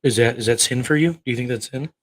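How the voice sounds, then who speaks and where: A thirties-aged man preaching on a livestream talks at a quick pace in a mid-range voice. He responds to chat combatively and profanely, firing rhetorical questions.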